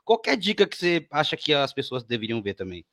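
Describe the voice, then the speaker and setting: A man from Guarulhos, Brazil, with a São Paulo accent, hosts a podcast in a casual, chatty manner and often repeats his words. His voice is fairly high and a bit bright, with big pitch swings and a fairly quick pace.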